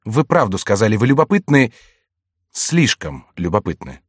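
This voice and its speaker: A man's voice: lowish voice, sing-song, normal speed, breathy edge, no echo, studio quality. A man voicing an irritable royal duke who answers curtly. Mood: testy. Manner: curt, testy.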